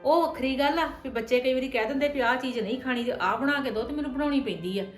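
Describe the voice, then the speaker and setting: In this scripted family drama, a woman lightly acts the daughter-in-law, a wronged young wife who is earnest and weary of blame. She sounds hurt, speaking quickly in a higher voice, pleading and defensive, with echo in the room and quiet music below.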